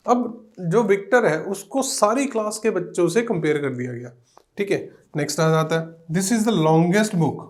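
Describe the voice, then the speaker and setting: Man teaching grammar, high-pitched. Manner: explains step by step, often checking in with the class; reads English example sentences slowly and deliberately. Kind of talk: classroom grammar lesson.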